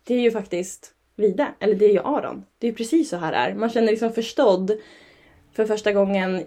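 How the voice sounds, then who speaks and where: A young woman talking casually as a parent, telling stories with lively, animated delivery. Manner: animated storytelling, jumps high when quoting. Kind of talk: casual podcast chat.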